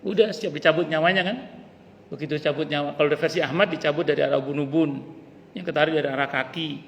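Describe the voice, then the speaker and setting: A man's voice: fairly high pitch, steady tone, quick pace, vocal fry, highs cut off. A male ustaz, giving a casual mosque study-circle sermon and acting out quoted lines as he tells stories. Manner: storytelling with acted quotes, plain colloquial. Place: mosque hall. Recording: reverberant mosque hall, faint hiss.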